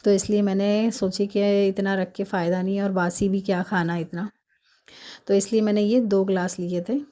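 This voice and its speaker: A woman doing a hurried, chatty cooking voice-over while fasting, explaining each step at home. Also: mid-range voice, little pitch movement, warm tone. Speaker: home cook vlogger.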